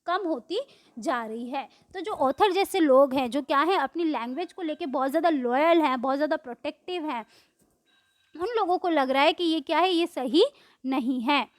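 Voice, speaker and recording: A woman teacher with a high-pitched voice goes through a poem line by line, reading the English lines slowly and then explaining them in Hindi. She asks her own questions and answers them, and there is no room sound.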